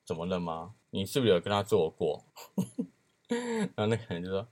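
A man's voice: sits low, wildly swooping pitch, a little fast, darkish tone. A man hosting a podcast, telling a crude story in a casual chat and acting out the people in it. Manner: crude, laughing, acts out quoted voices. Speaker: podcast host.

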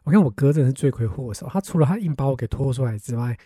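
Fast-talking Taiwanese-accented young man. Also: mid-range voice, breathy edge, no room sound, clean studio sound. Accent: Taiwanese Mandarin. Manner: animated, exasperated, swears casually. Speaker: podcast host. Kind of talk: casual storytelling chat.

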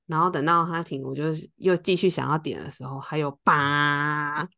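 Her voice is low-pitched and quick, with vocal fry. As a podcast co-host swapping stories in casual talk, she lively voices the characters' quoted lines.

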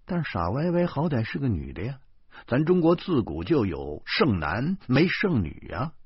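A man narrating a novel in the first person, wry and animated. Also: medium pitch, moderate pace, breathy edge, dry recording. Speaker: audiobook narrator. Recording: dull lo-fi recording.

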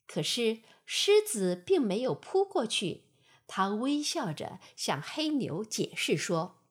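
A woman narrating a bedtime fable with a gentle, expressive storytelling manner. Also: fairly high pitch, takes it slowly, slightly rough.

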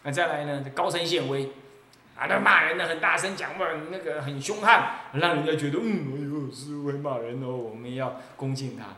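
A male abbot with a Taiwanese accent delivers a Buddhist sermon, teasing and laughing as he goes. His voice sits a little high. The recording is roomy and echoey. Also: fairly quick. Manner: lively, mocking, laughs often.

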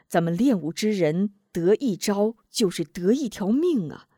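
Fields: Figure: steady senior martial brother, voiced by a woman. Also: mid-range voice, slow pace, slightly rough, dry recording, studio quality, exaggerated voice. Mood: measured, warm.

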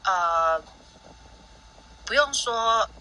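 A woman's voice: on the high side, expressive, drawn-out words, pushed and bright, poor audio. A mother sharing a parenting story in a casual, rambling way, with many restarts and fillers. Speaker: guest parent. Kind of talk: casual sharing on a live audio chat.

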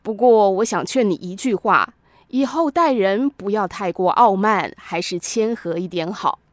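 A woman reading a story, voicing a calm, gracious male emperor who speaks politely and gently teases. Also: no echo, lightly acted. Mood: amused, gentle. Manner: polite, unhurried, lower voice.

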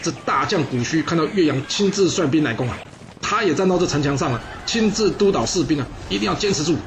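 A man telling a history story in a casual, lively, exclamatory way with chatty asides. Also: fairly high pitch, a little fast, noisy background.

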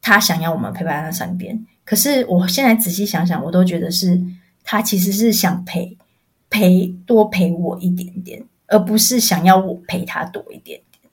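A woman telling a personal story on a podcast over an online call, halting, repeating words as she searches for them. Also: on the low side, darkish tone, breathy edge. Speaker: podcast co-host.

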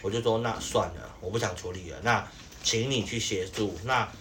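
A man's voice: fairly low pitch, normal speed, fairly bright tone, a little hiss or hum. A young man, telling an exasperated work story in casual podcast chat, full of fillers. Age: young adult.

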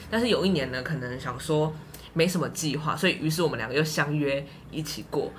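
Guest spot: a Taiwanese woman, animated storyteller, bright clear tone, quick to laugh. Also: low voice, a little hiss or hum. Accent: Taiwanese Mandarin. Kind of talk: casual podcast chat.

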